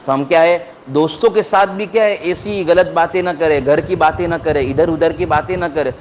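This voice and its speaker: Maulana addressing young students, fairly high-pitched man, question-and-answer style, faint background noise. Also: a little mellow. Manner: asks the listeners questions and answers them himself, in simple repetitive teaching; plain conversational speech with many fillers. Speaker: maulana giving a religious talk to students. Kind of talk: religious talk to children.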